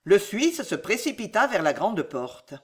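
Slow, lively audiobook narrator. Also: medium pitch, slightly rough. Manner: slow, lively dramatic reading. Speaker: audiobook reader.

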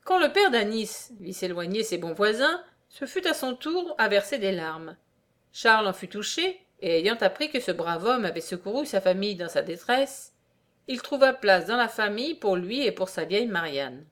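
A woman reading an old-fashioned story aloud in a measured, formal way. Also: medium pitch, sing-song, fairly bright tone. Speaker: reader.

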